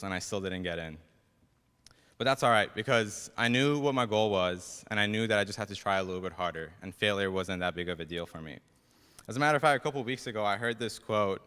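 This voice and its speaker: A young man with a Persian accent speaks in a bright, fairly low voice. He gives a self-deprecating, slightly nervous student speech at a ceremony, and his words carry a long hall reverb. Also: smooth. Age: young adult. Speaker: dental student class president giving a speech.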